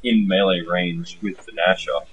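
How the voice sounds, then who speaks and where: A man's voice: deep voice, a little slow, husky, low-quality recording. A man co-hosting a casual gaming podcast, polite and correcting himself mid-sentence. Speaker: podcast co-host.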